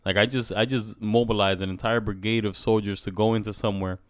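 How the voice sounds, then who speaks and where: A man's voice: on the low side, steady tone, quick pace, clean tone, no room sound, clean studio sound. A man talking casually and emphatically at length, peppering his speech with bro. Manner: emphatic, talkative, says "bro" often. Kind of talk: casual conversational talk.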